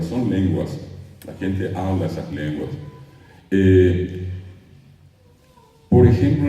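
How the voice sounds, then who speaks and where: Male lecturer, dark low voice, distant and roomy hall sound, expressive storyteller. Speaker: conference speaker. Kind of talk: lecture at an academic conference. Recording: echoey hall from far off.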